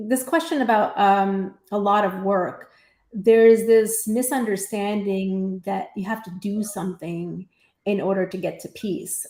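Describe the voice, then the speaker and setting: A woman's voice: medium pitch, a little mellow. Earnest woman teaching in an echoey room. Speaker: teacher and co-host of a live faith-based discussion. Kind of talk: conversational teaching, live online talk. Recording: echoey room on live stream.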